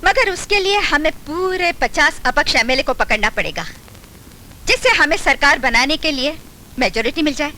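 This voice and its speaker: A woman's voice: sits high, animated, moderate pace, sharp tone, slight background noise, poor audio. An actress playing a shrewd, commanding woman politician in a Hindi film, speaking formal, declamatory lines. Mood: calculating. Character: shrewd, commanding female politician seeking power. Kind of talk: Hindi film dialogue acting.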